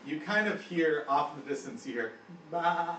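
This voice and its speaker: Animated man running a tabletop game. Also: a little high, a little fast, a little hiss or hum. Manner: animated, laughing storyteller. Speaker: game master. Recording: echoey room from far off.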